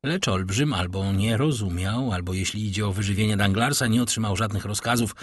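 A man narrating a classic novel in an expressive storytelling reading. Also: on the low side, a little fast, breathy edge, no echo, studio quality. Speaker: audiobook narrator.

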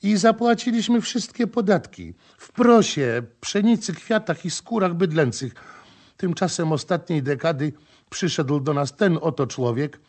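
A man's voice: a little high, expressive, measured pace, darkish tone. A man voicing a desperate peasant woman who pleads and laments in an audiobook. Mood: pleading.

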